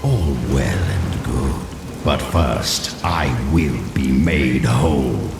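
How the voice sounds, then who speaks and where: In video game cutscene dialogue, a man gives an animated, full character voice to an ancient, scheming Horadric sorcerer, silky and proud. He speaks slowly, measured and condescending, in a deep, gravelly, instructive manner. The mix is roomy, with music.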